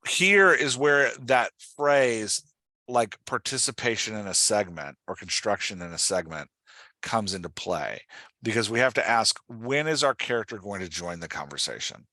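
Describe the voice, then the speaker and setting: Coaching an author on dialogue, this podcast host keeps things casual, direct, and instructive, often making sure he's been understood. His voice is on the low side, pushed and bright, with lively intonation at a moderate pace, in a dry recording.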